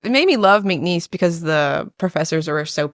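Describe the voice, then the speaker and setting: A woman's voice: lowish voice, expressive, moderate pace, no room sound, studio quality. A young woman, a podcast guest who chats in a friendly way and laughs easily. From Louisiana. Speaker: guest marketer. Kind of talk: casual chat.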